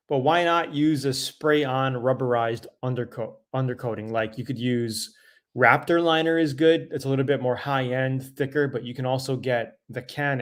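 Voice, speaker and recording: Man, middle-aged, casual Q&A host, loose chatty delivery, mid-pitched voice. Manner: loose and conversational, with fillers and self-corrections. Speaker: host answering viewer questions. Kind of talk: casual live Q&A.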